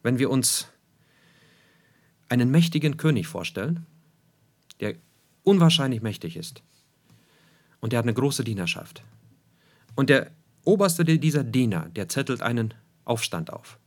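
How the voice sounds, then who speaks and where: A male preacher delivering a sermon in an emphatic way. He keeps returning to key phrases and puts rhetorical questions to his listeners. His pitch swings widely between high, forceful points and low, quiet drops. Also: very animated, measured pace, long pauses.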